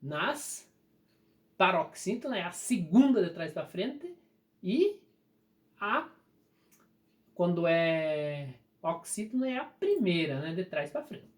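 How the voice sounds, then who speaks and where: This Brazilian Portuguese-accented teacher walks patiently through a recorded grammar lesson, stretching out the key words slowly. The voice is mid-range, with big swings in pitch.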